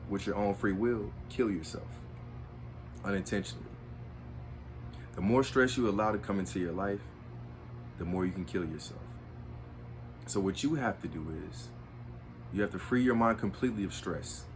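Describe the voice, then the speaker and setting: A man hosting his own spiritual video, lecturing in an earnest, repetitive, preachy way. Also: lowish voice. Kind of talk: monologue to camera.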